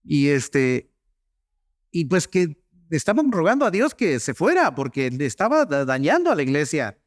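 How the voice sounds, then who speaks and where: Male pastor, middle-aged, high lively voice, storytelling sermon, dry sound. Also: moderate pace, no room sound. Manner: anecdotal, conversational preaching with frequent asides to the congregation.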